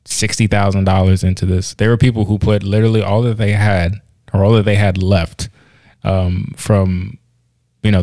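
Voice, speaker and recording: A man's voice: low voice, mellow, no room sound. A man co-hosting a podcast in casual chat, talkative, laughing easily and restarting his sentences often. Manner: chatty, laughs easily, many restarts and fillers. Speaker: podcast co-host.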